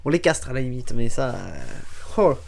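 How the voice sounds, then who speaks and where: A man's voice: mid-range voice, wildly swooping pitch, moderate pace, creaky. A man hosting a show, rambling through a crude comic monologue with frequent laughs before introducing a song. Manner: jokey, laughs a lot, crude asides and silly voices. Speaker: show host introducing music.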